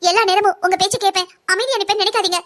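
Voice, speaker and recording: A woman voicing a very high-pitched young wife. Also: fairly even intonation, rapid-fire, a bit bright. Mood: defiant. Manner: pleading yet defiant. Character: young wife and mother, a doctor, defiant. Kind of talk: cartoon drama voice acting.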